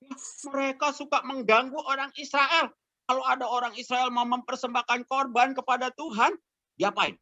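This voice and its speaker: A man's voice: extremely high pitch, fairly even intonation, normal speed, sharp tone, dry recording, highs cut off. A man, an evangelist telling a Bible story to kindergarten children, exclamatory and full of questions.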